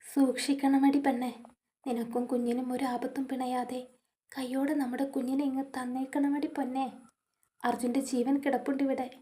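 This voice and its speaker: Woman reading as a playful young dad-to-be, doting and teasing, highish voice. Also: flat delivery, normal speed, dark tone, natural voice. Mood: tender. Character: young man, doting expecting father, playful.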